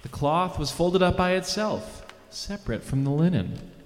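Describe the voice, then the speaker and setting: A man's voice: high-pitched, expressive, moderate pace, soft background music. A man co-reading a dramatized scripture passage, restating each line in his own words. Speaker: co-reader. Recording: long hall reverb.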